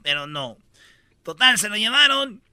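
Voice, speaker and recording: A man hosting a radio comedy show, telling stories in a lively way and acting out the people in them. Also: high voice, unhurried, dry recording. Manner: animated storyteller, acts out the people in his stories. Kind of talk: casual radio comedy chat.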